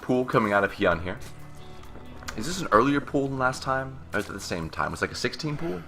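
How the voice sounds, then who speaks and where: A man's voice: medium pitch, big pitch swings, fairly quick, over music. A man giving joking play-by-play commentary on a strategy video game match. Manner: joking, banters with co-caster. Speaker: esports caster.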